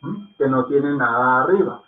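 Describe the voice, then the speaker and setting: A man's voice: mid-range voice, animated, moderate pace. A man teaching a language lesson, patiently repeating words to drill their pronunciation and checking in with his students. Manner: checks in with soft "¿mm?" and "¿ok?". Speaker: Hindi teacher. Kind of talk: slow spoken lesson. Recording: echoey, phone-like lo-fi sound.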